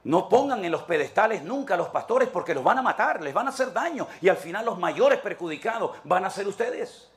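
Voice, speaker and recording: A man with a Spanish accent, a pastor preaching a sermon in church, asking rhetorical questions and moving between emphatic and hushed delivery. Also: high voice, very animated, fairly quick, hardly any pauses.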